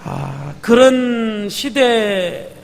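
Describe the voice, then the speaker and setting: A pastor preaches an emphatic sermon in a church sanctuary, repeatedly calling out "예?" to draw responses from the congregation. His high, creaky voice is sing-song and extremely slow. The recording carries long hall reverb and faint background noise.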